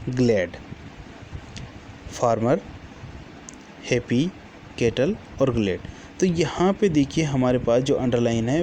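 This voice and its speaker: Male teacher, unhurried and patient, mid-pitched voice, repeats words twice, faint hiss behind. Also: mellow. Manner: patient, repeats each word list twice; corrects himself mid-sentence. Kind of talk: classroom lesson.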